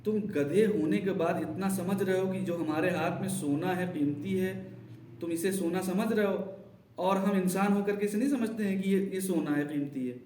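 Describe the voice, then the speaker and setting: A man voicing a wise holy fool who answers with calm teasing wit, in an echoey room far from the mic. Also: high-pitched, a little hiss or hum, voice pushed up, close to an everyday voice. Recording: roomy echo, distant mic.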